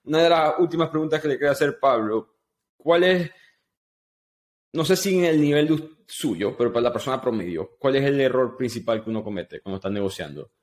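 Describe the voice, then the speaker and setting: Male interview host, measured and thoughtful in his questions. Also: mid-range voice, expressive. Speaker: podcast host. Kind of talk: conversational interview.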